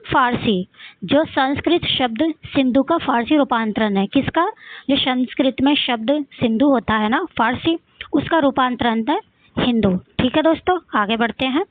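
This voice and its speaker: A woman with a Rajasthani accent teaches an exam-prep lesson in a high voice. She keeps asking her listeners questions and answering them herself. The sound is thin and phone-like, with a dry room. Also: moderate pace, no room sound. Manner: asks the class questions and answers them herself, repeats often.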